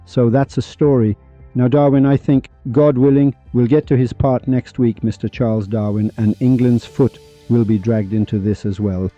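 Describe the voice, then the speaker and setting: A man with a very dark, mellow voice hosts a monologue podcast with dramatic, repetitive storytelling and rhetorical questions. The recording sounds slightly dull and lo-fi. Faint music plays beneath him. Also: mid-range voice, fairly even intonation, moderate pace. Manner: rhetorical, preachy, repeats for effect. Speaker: podcast host.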